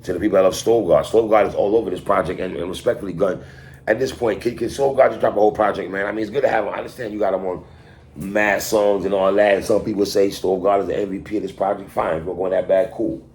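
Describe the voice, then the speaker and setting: A man's voice: low voice, steady tone, fast, a little mellow. A man with a New York accent giving casual, opinionated music commentary in an emphatic, repetitive, slangy way, as if talking straight to someone. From New York City. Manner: emphatic, repetitive, slangy, addressing the artist directly. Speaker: hip hop album reviewer.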